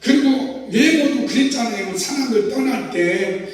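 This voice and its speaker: High-voiced Korean pastor preaching in an echoing hall. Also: male voice, a little slow. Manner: animated, chuckling storytelling. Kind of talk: revival sermon. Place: large church sanctuary. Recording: echoey hall, voice from far off.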